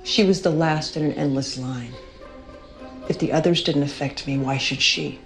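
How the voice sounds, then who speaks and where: An actress playing a bitter, sardonic widow in a TV drama, scornful and cutting with disappointment. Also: female voice, low voice, moderate pace, soft background music, close to an everyday voice. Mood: defiant, guarded. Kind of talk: naturalistic TV drama acting.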